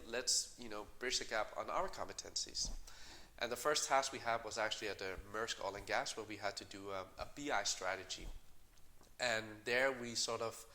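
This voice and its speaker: A middle-aged man, a company co-founder, answering interview questions in a measured way with many fillers and restarts. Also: mid-range voice, bright, forceful tone. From Denmark.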